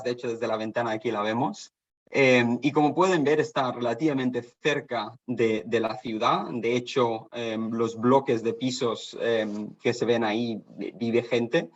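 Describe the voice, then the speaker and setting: A half-Danish man from Barcelona, with a Spanish-from-Spain accent, gives an online seminar talk as a guest sustainability consultant from an office in Copenhagen. He uses many fillers and restarts. His voice is medium-pitched and the sound is lo-fi.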